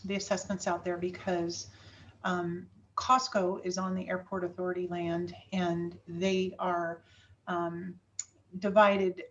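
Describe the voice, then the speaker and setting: A woman's voice: fairly low pitch, level tone, slow, a little hiss or hum. Hesitant woman finance director, off-mic. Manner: hesitant, quiet, many ums and restarts. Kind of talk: formal public meeting remarks. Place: city council meeting. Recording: distant from mic, dull audio.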